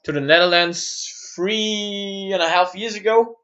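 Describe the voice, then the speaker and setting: A man from Austria, muttering to himself while he works through a software build on a live-stream tutorial and answering viewers' questions. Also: high-pitched, fairly even intonation, a little slow, clear, resonant tone, muffled recording.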